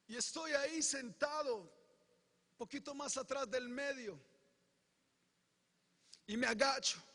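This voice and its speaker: High, bright-voiced preacher in a hall. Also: male voice, takes it slowly. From Colombia. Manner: impassioned, swinging from hushed storytelling to shouted proclamation. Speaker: pastor. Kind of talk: preaching a personal testimony. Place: church hall. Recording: long reverb of a large church hall.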